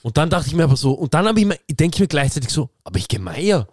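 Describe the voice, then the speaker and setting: A man's voice: fairly high pitch, rapid-fire, no room sound, studio quality. A young man chatting casually on a podcast, telling stories in slangy speech and acting out what friends said. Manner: animated storytelling, slangy, acts out quoted friends. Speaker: podcast co-host. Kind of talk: casual chat.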